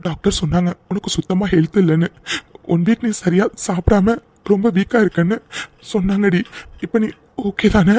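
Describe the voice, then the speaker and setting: A man voicing a caring young husband in a cartoon, gently pleading with his wife to stop crying. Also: sits high, steady tone, normal speed. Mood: soothing. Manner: soothing, pleading. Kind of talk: cartoon voice acting.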